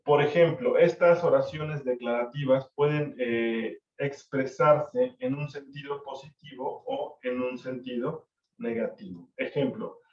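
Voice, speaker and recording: A man's voice: medium pitch, steady tone, unhurried, a little mellow. A male teacher gives a class lecture. He explains step by step, repeats key terms and adds tag questions. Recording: dull, roomy audio from a distant mic.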